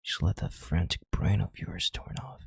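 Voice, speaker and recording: This is an intimate audio roleplay where a man portrays a calm, arrogant, controlling chief executive soothing his analyst. The delivery is hushed and commanding, slow and deliberate, dripping with condescending authority, in a deep, gravelly, exaggerated half-whisper with a breathy quality. The clean studio sound carries no echo.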